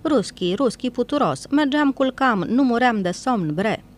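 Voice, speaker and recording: A woman's voice: on the high side, expressive, voice pushed up, natural voice. A woman voicing a mocking old one-legged bargeman with a thin, sneering voice. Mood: taunting.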